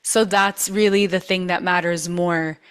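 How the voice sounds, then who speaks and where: Her voice sits on the low side, clear and resonant, with fairly even intonation and an unhurried pace. She's a trained singer or speaker hosting a masterclass, coaching earnestly yet casually and repeating words for emphasis.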